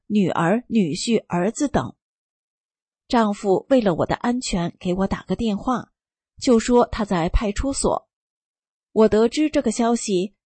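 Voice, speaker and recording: Woman narrating a personal story, calm and even, a bit breathy, dry close sound. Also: medium pitch, dry recording. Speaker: reader of a first-person testimony. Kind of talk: scripted narration.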